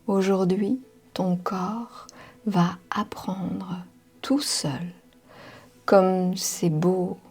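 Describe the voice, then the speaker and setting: A woman leading a guided meditation in a soft, half-whispered voice, soothing, with drawn-out phrases and long pauses. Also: fairly low pitch, husky. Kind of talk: slow guided hypnotic meditation. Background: music.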